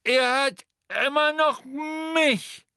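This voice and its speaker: A man voicing a frightened but defiant teenage boy wizard in an audiobook, shouting desperately. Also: very high-pitched, fairly even intonation, very slow, dry recording, studio quality, pitched above the performer's own voice, heavily acted. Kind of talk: audiobook character voice.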